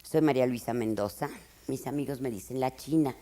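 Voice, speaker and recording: Elderly Mexican woman, eighties, reflective interview, halting, expressive delivery. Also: rumbling low, faint music behind. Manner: expressive, halting, with restarts and dramatic emphasis. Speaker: writer interviewed in archive footage.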